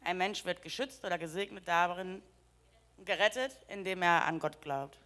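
A woman interprets a sermon as it is given, rendering each phrase right after the preacher in a slightly low voice. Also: moderate pace, a bit bright.

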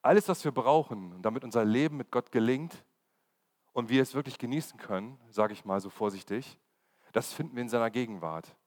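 A man's voice: mid-range voice, brisk, a little mellow. A man giving a conversational sermon and putting questions to his congregation. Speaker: preacher. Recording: long hall reverb.

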